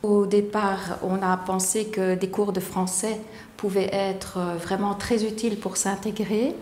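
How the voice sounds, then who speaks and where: A woman's voice: medium pitch, level tone, measured pace, darkish tone, a little hiss or hum. Composed woman in an echoey room. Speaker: volunteer language school organizer. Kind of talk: explanatory interview. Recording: roomy echo.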